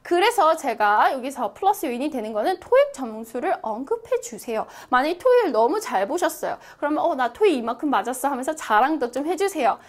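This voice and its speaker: Lively high-voiced woman teacher. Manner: lively, encouraging, checks in with "right?" often; reads English phrases very slowly for repetition. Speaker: English interview teacher. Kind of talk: online English lesson.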